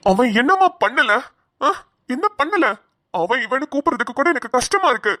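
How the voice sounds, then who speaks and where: A woman voicing a furious, hot-tempered middle-aged father in a cartoon, shouting bitterly. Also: sits high, big pitch swings, moderate pace, no room sound, studio quality, heavily acted. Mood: angry. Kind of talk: cartoon voice acting.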